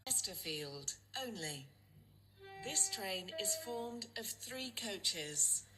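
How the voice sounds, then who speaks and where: A woman's voice: medium pitch, lively intonation, extremely slow, over music, poor audio. A woman's recorded train announcements, built from spliced-together words read out as a list of stops. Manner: clipped, evenly paced list of stops. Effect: spliced-together words, stitched from separate recordings.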